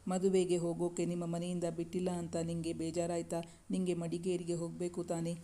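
A woman's voice: fairly low pitch, completely flat delivery, fairly quick, mellow, natural voice. A woman reading the lines of a young man, a playful and reassuring boyfriend, in a storybook.

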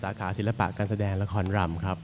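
A man's voice: deep voice, level tone, heavy background noise. Polite Thai man moderating a seminar. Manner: polite, unhurried, frequent particle "na khrap". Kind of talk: academic seminar talk, introducing panelists.

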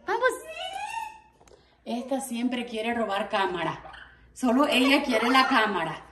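A woman's voice: a little high, very animated, slow pace, noisy background. A woman chatting in doting, sing-song baby talk to her pet parrots at home, often laughing. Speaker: parrot owner and vlogger.

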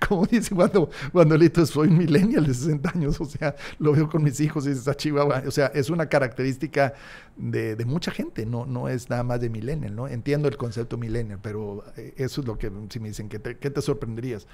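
A gravelly, dark-toned man in his sixties, speaking as a podcast guest. He talks in a reflective yet emphatic way, often restarting his sentences, close on a desk mic in a small studio. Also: medium pitch, brisk. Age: 60s. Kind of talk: casual interview chat. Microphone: large desk mic, headphones.

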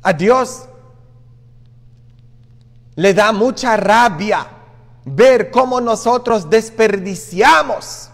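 A man, a priest, preaching a sermon in a conversational way, often tossing in quick asides to the congregation. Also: high-pitched, expressive, vocal fry, long reverb tail. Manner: conversational preaching with frequent "¿ah?" asides and acted quotes. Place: church.

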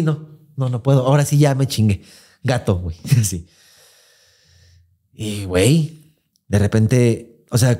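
A man with a Mexican Spanish accent, a podcast co-host telling a personal story in casual, swearing, slang-filled chat, acting out what people said. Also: fairly low pitch. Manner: swearing, slangy, animated retelling with acted quotes.

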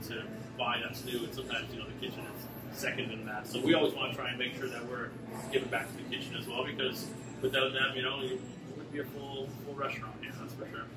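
A man's voice: medium pitch, fast talker, very noisy. A man, a brewmaster talking casually in an interview with lots of fillers. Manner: relaxed and chatty, many fillers. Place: brewery taproom with concrete block walls. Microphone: camera mic from a few meters away. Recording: echoey room, distant mic, loud music.

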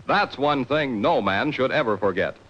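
Animated, emphatic male commercial announcer. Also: mid-range voice, normal speed. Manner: persuasive, emphatic. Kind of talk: scripted 1950s TV ad pitch. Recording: dull vintage TV soundtrack.

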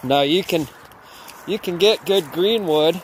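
A man's voice: sits high, unhurried, a little hiss or hum. A man in his thirties, a chainsaw carver, explaining his wood in a rambling, easygoing way while filming on a handheld phone in his workshop and yard. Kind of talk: casual how-to vlog. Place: cluttered workshop and yard, partly outdoors. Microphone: handheld phone camera.

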